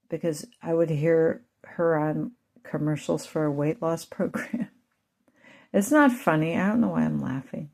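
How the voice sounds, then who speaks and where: A woman's voice: low voice, gravelly, mellow. A woman and mother telling a rambling, emotional personal story to her channel's viewers. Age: adult with children. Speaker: channel host.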